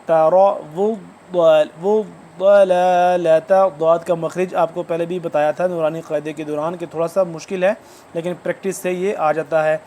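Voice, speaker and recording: A man with a fairly high, level voice gives a recorded lesson on Quran recitation. He speaks in a measured, formal way and explains each point step by step, with a faint background hiss. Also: level tone, a little mellow. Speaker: Quran teacher.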